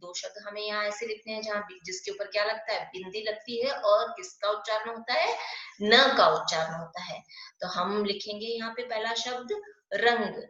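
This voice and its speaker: A woman teaching a primary school Hindi class online. She is patient, asks questions and answers them herself, and spells words out slowly. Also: medium pitch, sharp tone, reverberant, dull audio.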